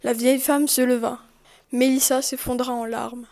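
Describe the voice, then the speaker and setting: A woman's voice: a little high, little pitch movement, normal speed, mellow. A woman reading story narration and announcing the chapter titles.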